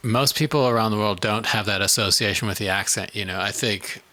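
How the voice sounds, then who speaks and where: A man's voice: on the low side, a little fast, sharp tone. A South African man co-hosting a casual studio podcast, talking in a thoughtful, rambling way full of "you know"s. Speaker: podcast co-host.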